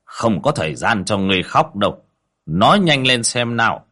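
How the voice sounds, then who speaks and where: A stern old exorcist master, as the narrator puts him on, deep-voiced and commanding, scolding a spirit in a horror audiobook. His tone swings widely between gruff orders and sharp questions. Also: big pitch swings, measured pace, full character voice.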